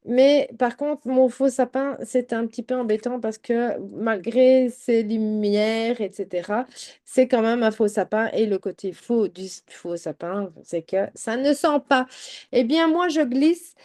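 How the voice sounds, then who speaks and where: Chatty woman, mellow voice. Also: on the high side, unhurried. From Belgium. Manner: chatty, addresses viewers directly with many fillers. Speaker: home-products sales adviser. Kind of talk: casual product presentation.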